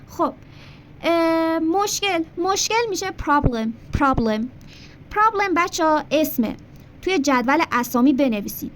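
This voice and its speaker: A high-pitched woman teaching beginners, who explains each word and then says English example sentences twice, slowly and clearly. She speaks straight to the learner and prompts them to answer. A faint hiss sits under her voice. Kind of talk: language lesson.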